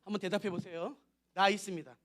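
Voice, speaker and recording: A man's voice: sits high, steady tone, fast, fairly bright tone. A man preaching at a revival service in a church, emphatic and direct with the congregation, often acting out little dialogues. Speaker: pastor. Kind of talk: revival sermon. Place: church sanctuary.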